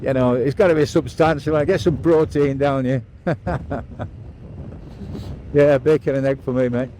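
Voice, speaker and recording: Mellow English man, casual motovlog chat. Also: medium pitch, steady tone, fairly quick, slight background noise. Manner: chatty, matter-of-fact, tour-guide asides. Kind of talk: casual vlog commentary. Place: outdoors, riding a scooter along a beach road.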